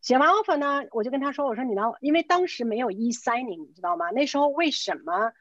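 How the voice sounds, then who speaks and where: This middle-aged woman works in real estate and tells a casual story quickly in a high voice, sprinkling in English words and animatedly performing the quoted lines. The video-call audio is dry and muffled.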